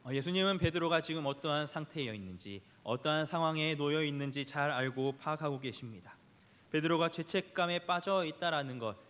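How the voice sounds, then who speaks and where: A man preaching an earnest, measured sermon in a church sanctuary. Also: a little high. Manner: earnest, measured, reading scripture aloud with the congregation. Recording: long church reverb.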